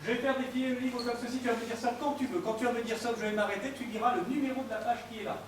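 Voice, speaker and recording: A man with a strikingly high voice performs a mentalism act, playfully teasing and joking with his volunteers. He sounds far from the mic in a very echoey hall, with audible room ambience behind him. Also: fairly even intonation, rapid-fire, slight background noise. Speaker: stage mentalist. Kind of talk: live stage performance with audience banter. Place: theater stage before an audience.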